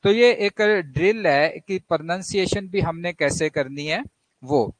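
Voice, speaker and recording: A man with an Indian accent teaching an online English vocabulary lesson, explaining slowly and repeating words for drill. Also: a little high, no echo, rough recording.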